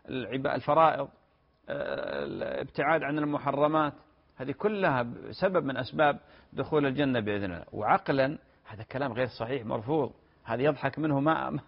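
A man, answering listeners' religious questions on a broadcast program in a measured, explanatory way that often repeats phrases. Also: mid-range voice. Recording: dull lo-fi broadcast audio.

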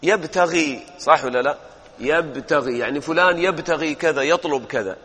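A man's voice: on the high side, moderate pace, a bit bright, husky, long reverb tail. A male grammar teacher, drilling verb forms and quizzing his students in a classroom lesson.

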